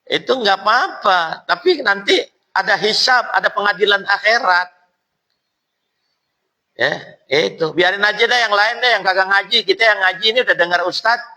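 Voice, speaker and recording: A man's voice: high-pitched, moderate pace, long pauses, poor audio. A male preacher, giving a casual, jokey sermon at a mosque study circle. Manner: lively, jokey, colloquial, acts out quotes.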